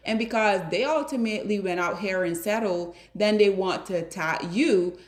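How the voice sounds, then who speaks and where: A woman's voice: medium pitch, normal speed. A woman hosting a commentary video, lecturing her viewers directly in a preachy, emphatic way. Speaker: commentary host. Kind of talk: reaction commentary to a street interview.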